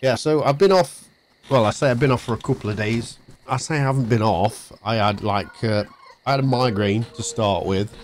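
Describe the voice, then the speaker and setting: A man's voice: mid-range voice, normal speed, slight background noise. A man chatting casually to viewers while playing on a live stream from his home setup. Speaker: game streamer. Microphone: desk mic through a mixer.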